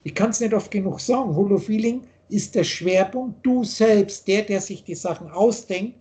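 Speaking through a video call webcam in his home office, an older spiritual teacher lectures with insistence and plenty of gestures. He has a high-pitched, warm voice and talks at a normal speed.

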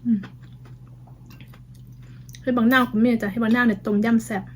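A woman's voice: a little high, steady tone, normal speed, slight background noise. A woman with an Isan Thai accent chatting casually for her vlog while she eats, humming as she tastes the food. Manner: chatty, tasting food with murmured hums. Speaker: vlogger.

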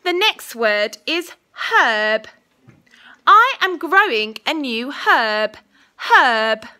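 A young woman reads a school dictation as a primary teacher. Her voice is fairly high and bright, with lively swings in pitch. She enunciates deliberately and repeats the target words. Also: smooth. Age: young adult. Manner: slow, deliberate enunciation, repeating each word. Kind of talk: school dictation, spelling test. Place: small indoor classroom. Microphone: phone at arm's length.

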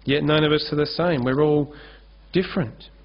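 On a curtained church stage, a man with a fairly high, steady voice preaches earnestly at a moderate pace, gesturing freely as he uses the lectern microphone. He is a pastor, and the sermon recording sounds dull and lo-fi.

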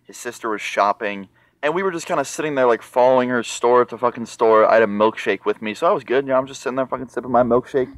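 A young man telling a storytime rant, profane and excitable, acting out the other people in the story. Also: medium pitch, fast, dry recording.

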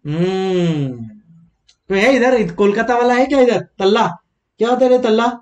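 A man lectures an accountancy exam class. His voice sits high for a man, and he keeps it playful and chatty, slipping into stories and throwing questions at his students. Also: moderate pace, a little mellow. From Mumbai, India. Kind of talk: classroom lecture with personal storytelling.

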